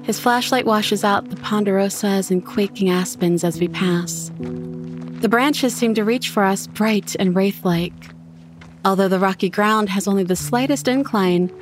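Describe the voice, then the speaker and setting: A woman reading a first-person horror story in an intimate, expressive way. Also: mid-range voice, unhurried, over music. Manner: intimate, expressive, voices her own character's lines. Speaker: narrator.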